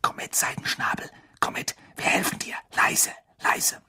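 A man voicing an urgent teenage boy in a hurried whisper, whispered role-play. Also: on the low side, wildly swooping pitch, gravelly, dark tone, breathy edge, no echo, studio quality, heavily acted.

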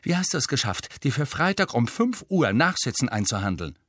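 A man's voice: medium pitch, very animated, fairly quick, a bit bright, dry recording, studio quality. A man reading an audiobook, voicing an angry teenage girl who captains a sports team. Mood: furious. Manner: angry, hissing, jabbing.

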